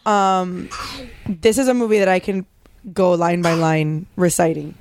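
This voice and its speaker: A woman's voice: on the low side, fairly even intonation, measured pace, darkish tone, a little hiss or hum. A young woman in casual podcast chat, chatty with many ums and likes.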